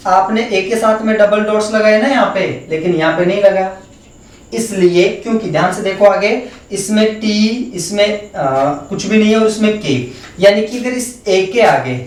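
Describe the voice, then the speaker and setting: A man with a Hindi accent takes students through a phonetics lesson, repeating each word and sound several times. His voice sits high and moves slowly. The recording picks him up from some way off the mic, in a strongly echoing room. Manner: slow and explanatory, repeating words and sounds one by one. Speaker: teacher. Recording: echoey room, voice from far off the mic.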